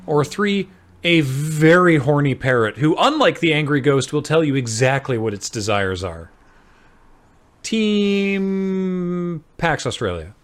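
A man's voice: fairly high pitch, expressive, moderate pace. A man hosting, presenting absurd choices in a showy comedic style. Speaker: host. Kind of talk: comedic game-show presenting.

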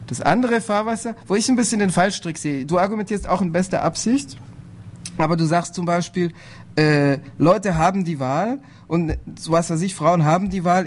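A man speaking on a political panel, measured and hesitant, with frequent fillers and restarts. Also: high voice, darkish tone. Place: lecture hall.

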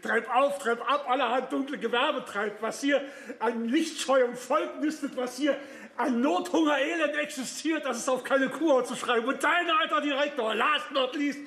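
A male actor playing an aging, grandiloquent former theatre director who bursts into shouting. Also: extremely high pitch, normal speed, heavily acted. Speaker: stage actor. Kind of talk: stage acting. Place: theatre stage. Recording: echoey theatre stage.

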